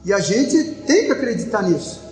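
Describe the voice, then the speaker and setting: A man's voice: high-pitched, very animated, fairly quick. A man giving a fervent religious testimony on the radio, telling stories with quoted dialogue. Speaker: lay preacher giving testimony. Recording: echoey hall with faint music.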